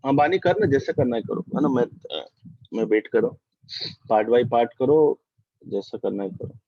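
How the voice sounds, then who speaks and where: Husky-voiced man teaching a physics class. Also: medium pitch, expressive, moderate pace, no room sound. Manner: mixes Hindi and English, quizzes students often. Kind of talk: online class lecture. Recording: dull dry lo-fi mic.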